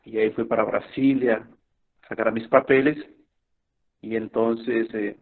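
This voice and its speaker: A middle-aged man giving a personal testimony, telling his story in a halting way with many fillers and restarts. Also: fairly low pitch, fairly even intonation. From Colombia. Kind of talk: spoken testimony to a youth meeting. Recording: tinny phone-like recording.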